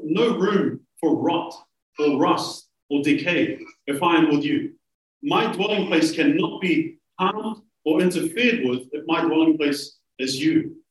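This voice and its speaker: A man preaching a sermon, earnest and emphatic, slowing down to stress key phrases. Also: a little high. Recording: roomy, from a distance.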